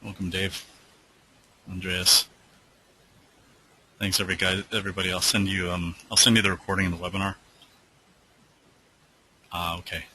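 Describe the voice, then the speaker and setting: A man's voice: sits low, little pitch movement, moderate pace, pauses often, bright, forceful tone, husky, low-quality recording. A man hosting a live trading webinar who answers viewer questions in a loose, rambling way with lots of fillers, and who is losing his voice.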